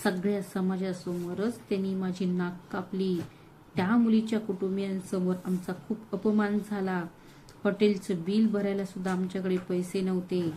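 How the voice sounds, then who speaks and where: A woman voicing a scornful, bitter older mother-in-law in an audio story, shrill and accusing. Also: little pitch movement, moderate pace, dark tone, a little hiss or hum, lightly acted, poor audio.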